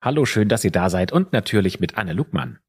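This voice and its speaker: Speaking fairly quickly and with lots of animation, this man has a husky voice on the low side. He co-hosts a true crime podcast, recounting the case in an easygoing way with offhand asides.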